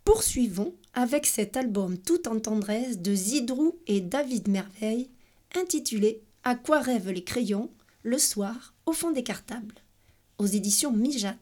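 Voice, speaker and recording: A woman reading a children's storybook aloud with expressive, playful narration. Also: on the high side, a little slow.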